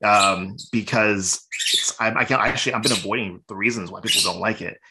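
Podcast co-host, man, low voice, eager rambling fan chat, noisy clicky recording. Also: steady tone, a little fast. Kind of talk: casual chat. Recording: loud background noise with clicks.

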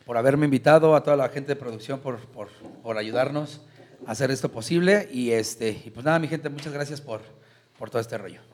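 A man with a Mexican accent, a singer guesting on a podcast, speaking in a relaxed, plain-spoken way. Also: medium pitch, fairly quick, slight background noise. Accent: Mexican Spanish. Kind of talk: casual interview chat.

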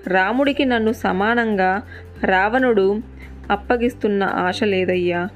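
A woman's voice: mid-range voice, unhurried, faint music behind, close to an everyday voice. A woman narrator voicing a grieving captive queen, devoted and resolute, in a sorrowful yet firm way.

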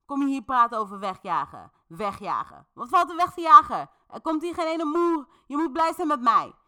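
A woman voicing an angry woman who yells insults at a waiter. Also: sing-song, moderate pace, exaggerated voice. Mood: furious. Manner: shrill, insulting, yelling. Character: furious loud woman lashing out.

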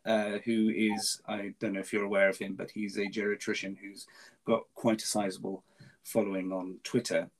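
A Farsi-speaking man hosts a casual podcast interview, his fairly low voice staying flat at a normal speed. He hesitates often, with frequent ums and restarts.

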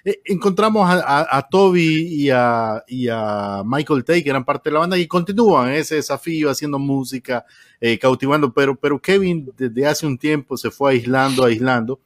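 There's no echo on this dry studio recording of a medium-pitched Honduran man. During a casual panel talk he meanders and falters in Honduran Spanish, with many "eh" sounds and restarts.

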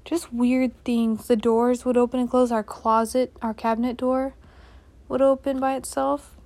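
A young adult woman hosts a casual solo podcast from her bedroom, rambling scatterbrained and apologizing as she cuts herself off. Her voice is a little high, a little mellow and a little slow, with a level tone.

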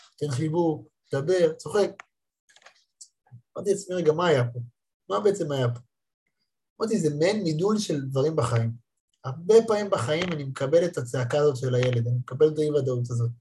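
A man's voice: fairly high pitch, darkish tone, husky. A man in his thirties giving a spiritual lesson, telling a personal story and repeating words for emphasis. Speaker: religious motivational teacher.

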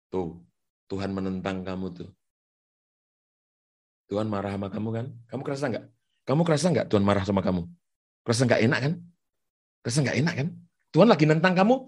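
A man's voice: on the low side, expressive, quick pace, pauses often, voice pushed down. A man voicing a sneering male devil who taunts and accuses in mocking questions. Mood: taunting.

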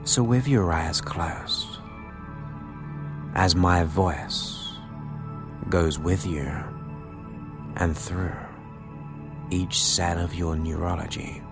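Man, low-pitched voice, slow guided hypnosis delivery, soothing, short phrases with long pauses, new-age music behind. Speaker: guided meditation host. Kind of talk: guided relaxation hypnosis narration.

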